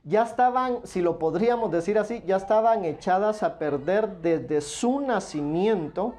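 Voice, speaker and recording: A man delivering a Bible study sermon in a warm, mellow voice. He speaks earnestly to his listeners as brothers and drives his points home with emphatic repeats. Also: high voice. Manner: emphatic, repeats "claro de que sí". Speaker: preacher.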